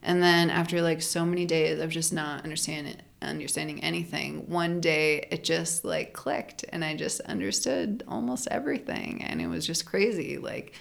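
A young woman, a linguist and anthropologist, chats as a guest on a casual podcast interview in a slightly low, gravelly voice with a fried edge. She explains things loosely at a moderate pace with few pauses, stringing thoughts together with lots of "like" and "um" and laughing as she goes. It feels like relaxed conversation rather than a lecture.

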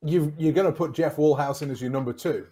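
A man's voice: a little high, quick pace, dark tone. Challenging man playing devil's advocate. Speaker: podcast co-host. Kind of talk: casual sports chat.

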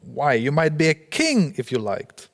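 A man's voice: fairly high pitch, wildly swooping pitch, unhurried, in a large hall, full character voice. A man reading out the lines of a carefree, scheming old professor in a breezy, dismissive way.

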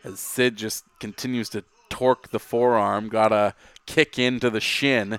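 A man's voice: fairly low pitch, steady tone, measured pace, a bit bright, clean tone. A man giving play-by-play wrestling commentary with tongue-in-cheek, colourful phrasing.

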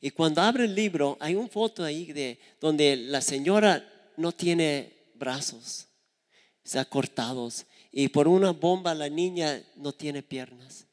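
Hombre predicando despacio en una sala con eco. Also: male voice, fairly high pitch, takes it slowly, in a large hall. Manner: earnest, acts out quoted voices. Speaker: preacher. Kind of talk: sermon with storytelling.

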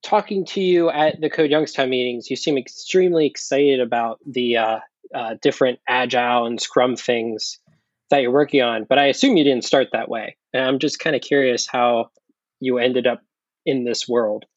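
A man co-hosting a casual podcast, asking curious questions with halting restarts. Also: mid-range voice, dry recording, lo-fi sound. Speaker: podcast co-host. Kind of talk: casual interview chat.

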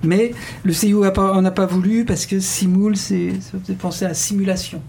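A man's voice: high-pitched, steady tone, fairly quick, gravelly, darkish tone, a little hiss or hum. A man hosting a radio show, talking casually with many fillers and restarts.

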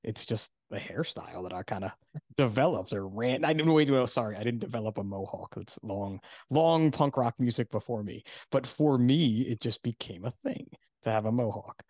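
Podcast host, man, rambling self-deprecating chat, middle pitch, dry close mic. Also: expressive, moderate pace, a little mellow, no echo. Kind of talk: casual interview chat.

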